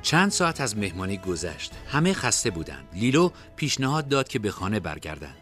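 A man narrating a fantasy story in expressive storytelling style. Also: on the low side, soft background music.

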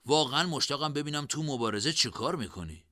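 Man voicing a sheepish young male student, storybook, defensive, pleading, bright tone, lively pitch. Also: no echo, clean studio sound. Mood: earnest.

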